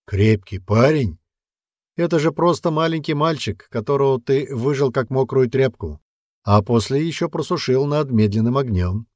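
A man's voice: medium pitch, moderate pace, darkish tone, no room sound, clean studio sound, voice pushed up, close to an everyday voice. A man voicing a grown warrior who speaks with reproach and indignation. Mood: reproachful.

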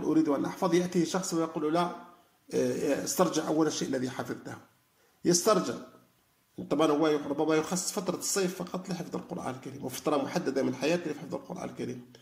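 Fast-talking man with a gravelly voice. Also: fairly high pitch. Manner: conversational, many fillers and restarts. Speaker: teacher of Quran reflection. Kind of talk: informal religious lesson. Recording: echoey room.

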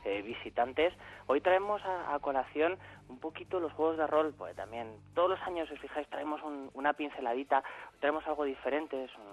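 A man's voice: fairly high pitch, animated, a little fast, muffled recording, faint music behind. Hesitant Spanish man explaining on radio. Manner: hesitant, many fillers and repeated words. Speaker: comics and role-playing games contributor. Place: Salamanca, away from the studio.

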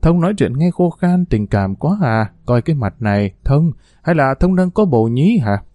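A man's voice: medium pitch, lively intonation, normal speed, dark tone, no echo, close to an everyday voice. A man voicing a flirtatious, haughty wealthy woman, coquettish with her lover and cold to her servant.

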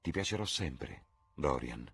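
A man voicing a witty, cynical aristocratic gentleman in an audiobook reading, with a husky voice and a drawling, ironic delivery. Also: very deep voice, animated, slow pace, heavily acted. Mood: languid.

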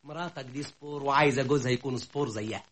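A man's voice: medium pitch, rapid-fire, fairly bright tone, close to an everyday voice. An actor with an Egyptian accent playing a teasing, worldly male friend in a vintage radio drama, mocking and coaxing. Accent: Egyptian Arabic.

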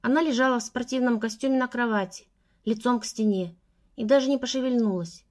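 A woman narrating a first-person story as an audiobook in a steady storytelling manner. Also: fairly high pitch, fairly quick.

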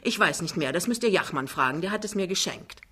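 A woman's voice: fairly low pitch, animated, fast, bright, forceful tone, breathy edge, heavily acted. A woman voicing a vain, boastful older mother with a triumphant, theatrical manner in an audiobook reading.

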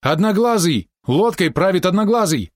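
A man's voice: high voice, very animated, normal speed, dry recording, studio quality, pitched above the performer's own voice. A man voicing a frightened, superstitious ship's helmsman who speaks fearfully and urgently. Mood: terrified.

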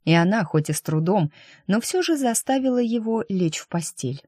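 A narrator reading a story aloud in an even, steady audiobook style. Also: medium pitch, normal speed, no room sound, clean studio sound.

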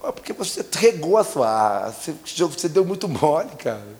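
A man voicing a calm, wise grown neighbor who patiently explains. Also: a little high, normal speed, long reverb tail.

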